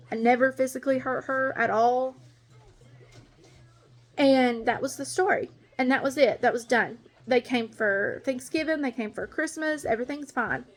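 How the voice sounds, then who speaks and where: A woman's voice: high-pitched, fairly bright tone. A woman ranting bluntly and angrily as a stepmom in a casual vlog monologue. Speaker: stepmom vlogger.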